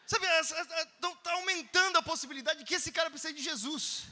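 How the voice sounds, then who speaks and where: High, bright Brazilian preacher. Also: male voice, fast. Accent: Brazilian Portuguese. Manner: animated storytelling that bursts into shouts. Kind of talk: conference sermon. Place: large conference hall. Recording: long reverb of a conference hall.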